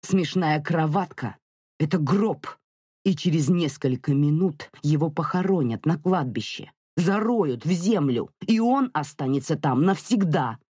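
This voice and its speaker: An audiobook narrator voicing a furious, grieving young mother who shouts and accuses, near hysteria. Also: mid-range voice, animated, measured pace, husky, no room sound, clean studio sound. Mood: hysterical. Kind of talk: audiobook character reading.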